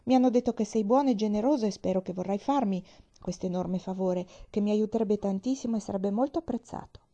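A woman voicing a sly, persuasive male scorpion from a fable, speaking in a smooth, coaxing way. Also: medium pitch, fast talker, dark tone, lo-fi sound, natural voice.

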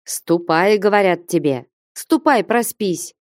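A woman playing a stern, warm-hearted elderly merchant father who talks solemnly and emphatically, in an audiobook. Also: mid-range voice, very animated, unhurried, dry recording, clean studio sound. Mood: commanding.

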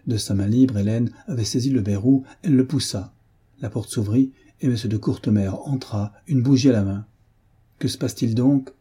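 Guy reading an old novel out loud, super husky and dark, takes his time. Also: medium pitch, a little fast. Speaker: audiobook narrator. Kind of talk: scripted narration of a novel.

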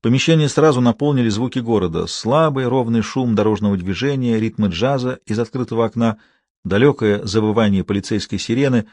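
A man reading a thriller audiobook in an even, measured storytelling manner. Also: mid-range voice, dry recording. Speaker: audiobook narrator. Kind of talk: scripted thriller narration.

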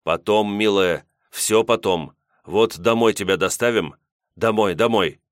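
A man reading an audiobook, voicing a calm, steady commander who speaks firmly and reassuringly. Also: lowish voice, unhurried, no room sound, studio quality, close to an everyday voice. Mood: soothing.

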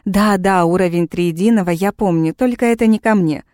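A woman's voice: lowish voice, brisk, a little mellow, no echo, clean studio sound, lightly acted. A woman voicing a defiant young witch in chains, speaking with cool, mocking sarcasm. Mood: sarcastic.

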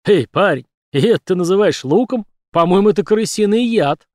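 A man voicing a fat, prosperous male street trader who talks down to people loudly. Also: high voice, animated, fairly quick, dry recording, clean studio sound, pitched above the performer's own voice. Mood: mocking. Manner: loud, condescending jeering. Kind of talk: audiobook character voice.

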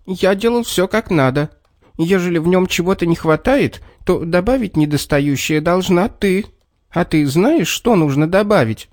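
Storybook role: man voicing a tiny bald little man, high strained and fussy, dry close sound. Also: moderate pace, no room sound, lightly acted. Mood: weary.

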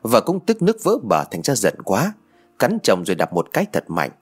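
A man narrating an audio story in an expressive storytelling manner. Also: on the low side, fairly quick, slightly rough, faint music behind.

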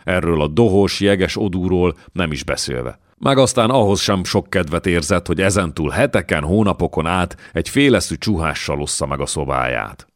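Male audiobook narrator; extremely deep, measured, dry close sound. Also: expressive, no room sound. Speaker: audiobook reader. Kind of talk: scripted narration of a historical novel.

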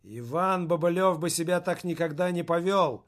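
A man's voice: a little high, moderate pace, close to an everyday voice. A man reading aloud as a huge young man, scornful and accusing. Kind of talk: audiobook reading.

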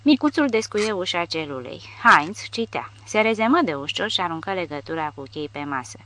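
Lady reading a war book audiobook, steady and kinda low. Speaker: audiobook narrator. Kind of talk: scripted narration.

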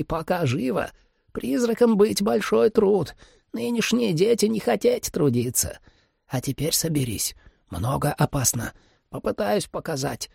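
A man voicing an old male ghost mentor who speaks in broken grammar, with a gravelly, husky voice. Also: fairly high pitch, a little mellow, dry recording, clean studio sound, voice pushed up, full character voice. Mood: scolding. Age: older. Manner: broken grammar, foreign-sounding, quavering.

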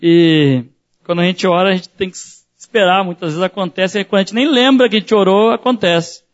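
A man's voice: high-pitched, fairly quick, muffled recording. A man preaching as a pastor, telling a personal story in a sermon and acting out the voices in it.

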